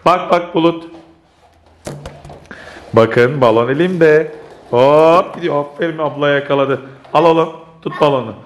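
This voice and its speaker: Man, hoarse, playful, laughing, coaxing, casual family vlog, noisy home recording. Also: fairly high pitch, a little slow, pauses often. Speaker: family vlogger filming his kids.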